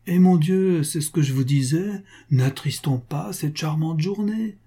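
A man playing an upright factory owner in a storybook reading, his husky, dark voice strained with anxiety. He refuses with dignity and pleads with fear behind the politeness. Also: fairly high pitch, measured pace, pitched above the performer's own voice. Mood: panicked. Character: upright male factory owner, frightened debtor.

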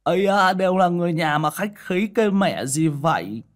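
Brief: man voicing cowardly comic young swordsman, high squealing voice, stammers, cheeky. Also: expressive, moderate pace. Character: brash cowardly young male swordsman, shameless clown.

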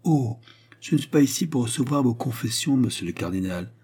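A man voicing a proud, haughty queen in an audiobook reading, his voice raised higher and delivered in an imperious, demanding way. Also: animated, a little fast, a little mellow, husky.

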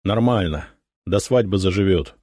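Brief: man playing a blunt, slow-talking Cossack brawler, village speech. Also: low voice, expressive, a little mellow, no echo, studio quality. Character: sturdy seasoned male Cossack fistfighter, blunt.

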